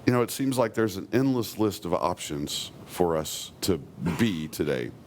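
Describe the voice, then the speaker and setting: Earnest low-voiced male preacher. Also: animated, slight background noise. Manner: earnest preaching, slows and softens when quoting God. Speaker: pastor. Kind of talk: sermon.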